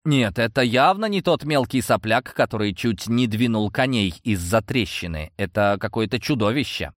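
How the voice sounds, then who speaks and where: Male narrator voicing a cold, calm young heir, mocking and menacing, lively delivery. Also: medium pitch, moderate pace, no echo, studio quality, close to an everyday voice. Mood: icy.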